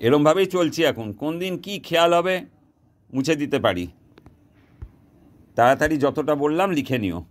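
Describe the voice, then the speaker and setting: Man, fairly high voice, outdoor vlog, insistent and repetitive, broken Hindi asides, teaching bait making. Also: expressive, normal speed, long pauses. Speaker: fishing bait maker teaching viewers. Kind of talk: casual instructional vlog. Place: outdoors, sky darkening before rain.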